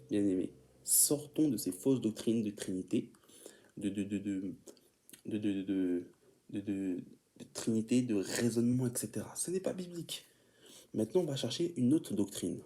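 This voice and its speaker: Guy preaching, mellow low-toned voice, stumbles and repeats himself a lot, reads out definitions. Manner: halting, repeats words, addresses listeners as beloved. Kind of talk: informal teaching sermon.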